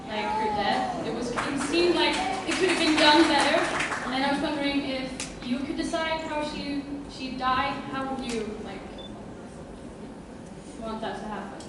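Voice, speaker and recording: A high-voiced woman from Sweden puts a casual question as an audience member. She is far from the mic in a very echoey hall with loud noise. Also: moderate pace.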